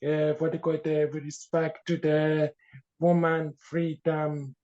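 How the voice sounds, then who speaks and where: A man from Iran, an author being interviewed, speaking haltingly with frequent fillers as he searches for words. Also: on the high side, monotone, a little mellow. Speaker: author guest. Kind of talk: podcast interview. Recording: dull lo-fi sound.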